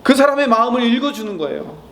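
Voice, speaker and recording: A pastor delivers a sermon in a high, light male voice. He keeps asking the congregation questions and then answers them himself. He drops to a soft, gentle tone whenever he voices words of comfort. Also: big pitch swings, fast talker.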